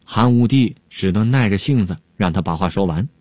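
A man telling a traditional folk tale in an animated, rhythmic storytelling cadence. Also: fairly low pitch, moderate pace, no room sound.

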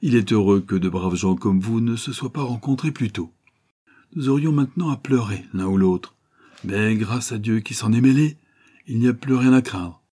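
A man voicing a jovial, persuasive adventurer in an audiobook reading, lively and coaxing. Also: fairly low pitch, moderate pace, breathy edge.

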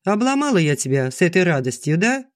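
A man reading an audiobook, voicing a grumbling, sharp-tongued middle-aged village woman who teases her friend. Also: high voice, big pitch swings, quick pace, no echo, studio quality. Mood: scoffing. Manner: gruff and teasing. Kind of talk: audiobook dialogue.

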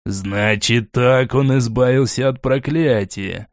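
A man voicing an ancient, cold, mocking male warrior in a slow, deliberate, sardonic manner. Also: fairly low pitch, fairly even intonation, no echo, clean studio sound, voice pushed down. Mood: calm.

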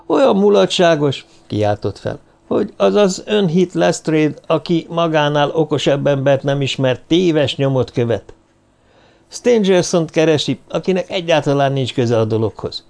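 A man's voice: on the high side, expressive, creaky, a little mellow. A man voicing a boastful, jovial male police inspector in an audiobook reading, telling his story with eager self-satisfaction.

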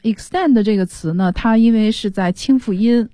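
A woman's voice: on the high side, normal speed, dark tone, dry recording. A woman English teacher on a studio radio show, patiently explaining pronunciation step by step.

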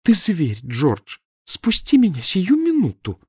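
A man voicing a shrill, furious middle-aged wife who scolds her husband in a high, shrieking voice, in an audiobook. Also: sing-song, brisk, dry recording, studio quality. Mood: pleading. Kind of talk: audiobook character voice.

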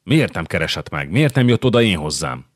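A man's voice: low-pitched, very animated, dry recording, clean studio sound. A man reading a brooding young knight. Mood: troubled. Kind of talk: audiobook character reading.

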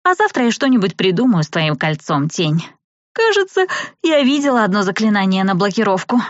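A woman's voice: mid-range voice, sing-song, fairly quick, no echo, muffled recording, voice pushed up, natural voice. A woman voicing a sleepy, blunt young female roommate who yawns as she talks, in an audiobook. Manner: sleepy, yawning.

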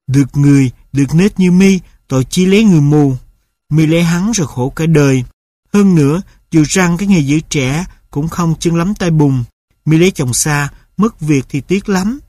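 A man's voice: on the high side, normal speed, dark tone, no room sound, studio quality, lightly acted. A man voicing a meddling village gossip who lectures. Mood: preachy.

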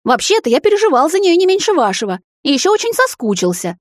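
A woman's voice: fairly low pitch, steady tone, brisk, dry recording, clean studio sound, close to an everyday voice. Brash cheeky young vampire guy, as a woman puts him on. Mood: sulky. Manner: loud teasing, brash.

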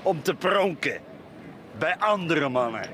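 The Flemish-accented actor plays a drunk, bitter braggart of middle age in this radio play, set against clear outdoor noise. His fairly high voice is animated and unhurried as he grumbles, cackles and rambles repetitively in a tipsy, boozy way.

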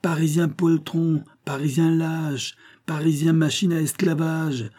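Fiery old-time farmer guy a man puts on, yelling high and loud, husky dark voice. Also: flat delivery, measured pace. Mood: furious rousing. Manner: shouting, rousing, indignant. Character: fiery, defiant middle-aged male farmer.

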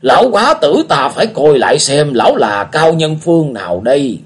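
A man voicing a cantankerous old male beggar martial artist who scolds and shouts in a husky voice for a story reading. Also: a little high, very animated, normal speed, pitched above the performer's own voice. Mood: gruff musing.

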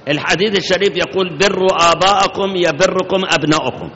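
A man's voice: high voice, quick pace, pushed and bright, slight background noise. A man preaching a sermon in an Iraqi accent, speaking emphatically and directly to his congregation. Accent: Iraqi Arabic. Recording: muffled hall recording with reverb.

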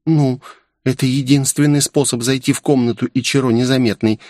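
A man voicing a shy, clingy young woman in an audiobook, speaking in a soft, pleading, raised voice. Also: medium pitch, fairly even intonation, fairly quick, dry recording, studio quality, pitched above the performer's own voice, lightly acted. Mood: plaintive.

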